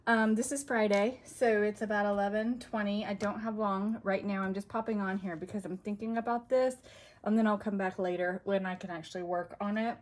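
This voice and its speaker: A woman's voice: mid-range voice, steady tone, a little fast. A woman hosting a crafting channel, chatting casually while out of breath, scattered and apologetic as she thinks aloud. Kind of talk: casual chat.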